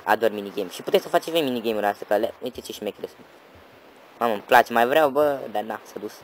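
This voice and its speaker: A man giving excitable let's-play commentary, swearing and yelling at enemies over loud game music. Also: fairly low pitch, a little hiss or hum, rough recording. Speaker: gaming channel host.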